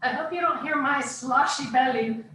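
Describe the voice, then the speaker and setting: A woman workout coach with a high, bright voice calls out short encouraging commands and countdowns. She sounds far from the microphone in a very echoey room. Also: moderate pace. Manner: short imperative cues, encouraging. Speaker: fitness instructor leading a workout class. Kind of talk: live group workout coaching, cueing and counting down. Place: indoors, live video call class. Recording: echoey room, far from mic, faint noise.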